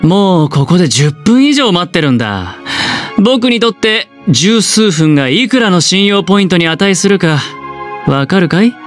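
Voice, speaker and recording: Smug and challenging, this is a man voicing a smooth-voiced, suave young gambler in a video game, all teasing calculation wrapped in theatrical politeness. He pitches high and sounds very animated at a normal speed, with faint music in the background.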